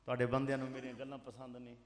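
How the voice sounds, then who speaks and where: A Pakistani cleric with a Punjabi accent preaching in a mosque, firing rhetorical questions at the crowd and swinging between loud and soft. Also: male voice, mid-range voice, completely flat delivery, very fast, heavy background noise. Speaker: Islamic cleric. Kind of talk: fiery sermon. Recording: echoey mosque sound system.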